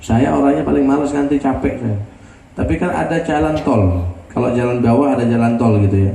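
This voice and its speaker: Man, preacher, animated sermon, echoey room, mic some distance away. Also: medium pitch, fairly quick, gravelly. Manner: animated, voices the people in his stories. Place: religious gathering. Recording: roomy sound from a distant mic.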